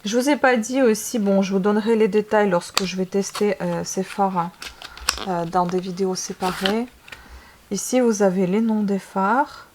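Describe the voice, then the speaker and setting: A woman's voice: mid-range voice, fairly even intonation, moderate pace, noisy background. A woman beauty vlogger in a casual unboxing video. She talks enthusiastically and gushes often, with many hesitations. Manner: gushing, enthusiastic, lots of hesitations.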